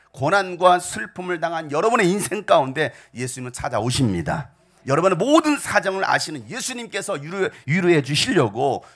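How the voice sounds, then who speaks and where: A man preaching a Sunday sermon as pastor, moving from hushed asides to loud shouts. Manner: dynamic preaching, swinging between hushed whispers and loud shouts; gravelly voice with lively pitch. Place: church sanctuary.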